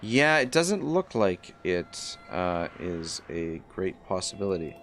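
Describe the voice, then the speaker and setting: A man's voice: low voice, very animated, slow pace, fairly bright tone, slight background noise. A man hosting a livestream, thinking aloud in casual strategy game commentary.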